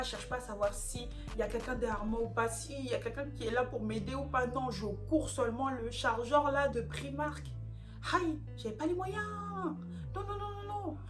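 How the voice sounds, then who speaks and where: A young woman from France telling a dramatic storytime in a casual vlog, in lively, slangy street talk. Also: a little high. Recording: music playing underneath.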